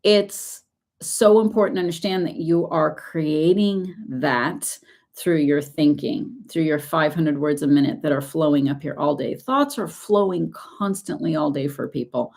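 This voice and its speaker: A woman's voice: deep voice, unhurried, creaky, a little mellow. Woman coaching with emphatic earnestness. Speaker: success coach. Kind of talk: motivational coaching talk.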